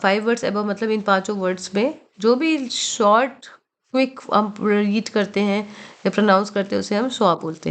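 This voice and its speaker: A woman teaching pronunciation from a textbook, moving at an unhurried classroom pace. She stops to spell words letter by letter and repeats them slowly, checking in with her students every few phrases. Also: mid-range voice. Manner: slow, careful spelling-out of words, frequent "thik hai" check-ins. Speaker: English teacher. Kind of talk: explaining a textbook in Hindi mixed with English.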